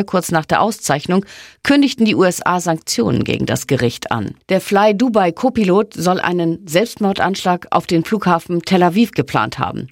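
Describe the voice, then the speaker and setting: A woman's voice: low-pitched, dry recording. A woman reads scripted radio news as a studio anchor.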